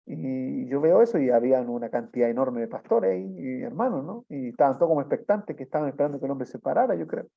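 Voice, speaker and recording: A man's voice: medium pitch, animated, fast, creaky, hardly any pauses, husky. A man preaching a sermon, telling a testimony in a storytelling way and often adding tag questions. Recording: dull lo-fi sound.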